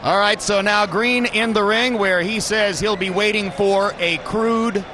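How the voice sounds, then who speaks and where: Very high-pitched male boxing host. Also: fairly even intonation, measured pace, noisy background. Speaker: boxing commentator and broadcast host. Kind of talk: live sports commentary. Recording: crowd and music behind broadcast.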